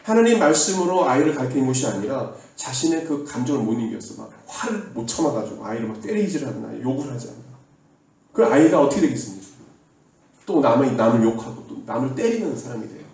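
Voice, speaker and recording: Pastor preaching in an echoing church hall. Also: male voice, mid-range voice, sing-song, brisk, vocal fry, a little mellow. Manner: earnest exhortation, leads the congregation in call-and-response. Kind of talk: sermon. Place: church sanctuary. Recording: echoey hall from far off.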